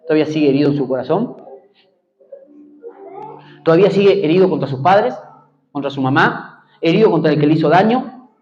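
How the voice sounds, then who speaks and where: A man's voice: on the high side, animated, fairly quick, pauses often, a little mellow, muffled recording. A man with an Argentine accent preaching a sermon as pastor, emphatic, repeating key phrases and calling for amens. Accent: Argentine Spanish.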